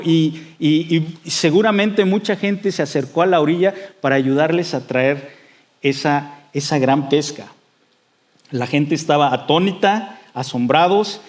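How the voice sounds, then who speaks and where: A man preaches a sermon in a fairly high voice. He talks conversationally, with many fillers and restarts, and acts out the voices he quotes with rising excitement. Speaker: pastor.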